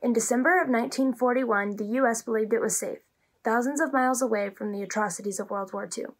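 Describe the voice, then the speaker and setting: A young woman narrating a student history video in a steady, read-aloud manner. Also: on the high side, quick pace. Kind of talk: scripted narration.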